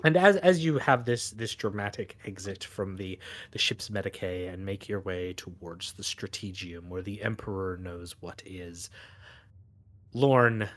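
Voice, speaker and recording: A man with a slightly low voice runs a tabletop roleplaying game. He narrates as game master in a halting way, with dramatic pauses. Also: expressive.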